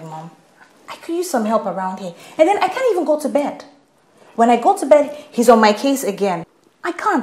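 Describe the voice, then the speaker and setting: A woman's voice: mid-range voice, mellow, close to an everyday voice. An actress with a Nigerian accent playing a busy young married woman, defensive and exasperated with her mother. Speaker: young wife. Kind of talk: film acting.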